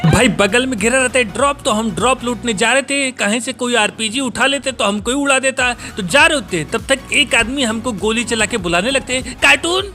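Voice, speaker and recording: A young man giving comic gameplay commentary, excitable and joking as he shouts at teammates. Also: very high voice, a little fast, hardly any pauses, soft background music. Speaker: gaming streamer.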